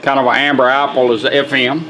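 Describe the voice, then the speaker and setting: With a medium pitch, flat delivery and slightly quick pace, a man who restores radios shows off a product in a relaxed, homespun style. Music from the demonstrated car radio can be heard behind him, and the recording quality is poor.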